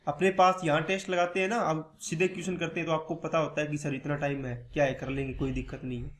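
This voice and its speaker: A man's voice: fairly high pitch, little pitch movement, quick pace. A male teacher explaining a maths exam lesson step by step, asking questions and answering them himself. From India. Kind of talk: exam-prep lecture.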